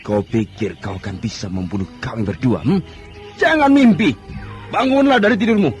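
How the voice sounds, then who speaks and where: A man's voice: mid-range voice, moderate pace, lightly acted. A man playing an arrogant, threatening villain with occult powers in an old radio drama, sneering and theatrical. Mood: menacing, mocking. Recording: music under radio drama.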